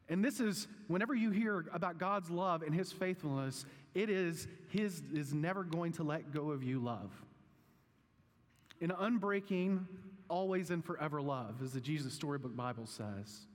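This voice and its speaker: A man, perhaps thirties or forties, preaching as a pastor in a conversational teaching style, with measured, deliberate phrasing and questions to his listeners. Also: a little high, expressive. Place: large reverberant room, preaching live. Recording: long reverb of a hall.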